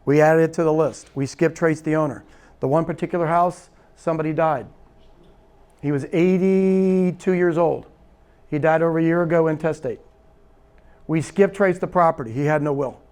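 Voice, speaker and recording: Animated male seminar storyteller. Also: on the high side, moderate pace, clear, resonant tone. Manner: animated storyteller, acts out quoted dialogue, repeats "right?". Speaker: real estate investing seminar instructor. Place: seminar room.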